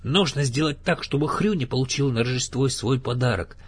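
Brief: man playing a gentle anxious storybook bear, higher and breathy. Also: brisk, lightly acted. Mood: earnest. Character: small earnest male teddy bear, kind and fretful.

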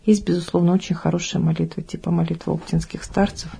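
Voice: mid-range voice, flat delivery, fast, gravelly, warm tone, slight background noise. A speaker reading a listener's letter aloud on a talk show, then briefly commenting on it.

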